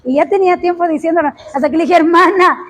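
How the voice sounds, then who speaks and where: A woman with a very high-pitched voice preaches a sermon at a racing pace, impassioned, frequently rising into shouts and stretching words out for emphasis.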